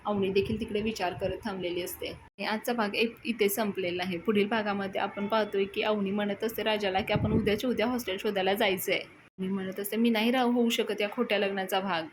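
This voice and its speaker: A woman retelling a TV serial episode, acting out the characters' lines in quick, changing voices. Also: medium pitch, steady tone, noisy background. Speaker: serial review host.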